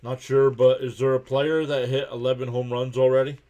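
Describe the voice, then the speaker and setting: A man streaming a live game reaction, calling each pitch and count in casual play-by-play while greeting viewers and reading their chat messages aloud. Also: little pitch movement, brisk, mellow. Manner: chatty and laid-back, greets viewers by name.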